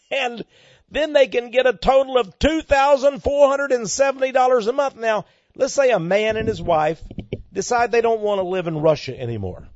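A man with a fairly high voice hosts a ministry program, reading listener letters and answering them. He preaches emphatically, his voice shooting up when he gets worked up. The sound is dull, dry and lo-fi. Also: a little mellow, no room sound.

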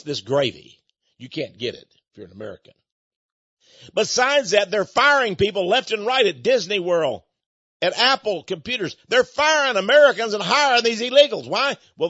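High-voiced man ranting indignantly. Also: pushed and bright, dry recording. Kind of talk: political commentary monologue. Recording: dull, dry lo-fi recording.

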